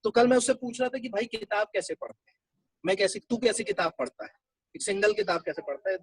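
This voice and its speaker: A man's voice: high-pitched, fast, breathy edge, no echo, rough recording. A male teacher giving a classroom lecture, talking conversationally and explaining things step by step.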